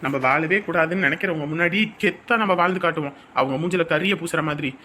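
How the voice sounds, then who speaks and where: A man's voice: a little high, fast talker, sharp tone, slight background noise. An actor playing a confident young man who reassures his anxious bride in a family drama. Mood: reassuring. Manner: reassuring, boastful.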